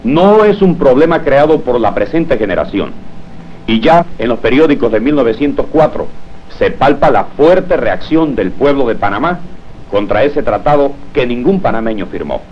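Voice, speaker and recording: A man's voice: medium pitch, animated, moderate pace. Dull, faintly noisy old documentary narration, man. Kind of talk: old newsreel documentary narration, scripted, reading quotations. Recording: dull, slightly noisy old film soundtrack.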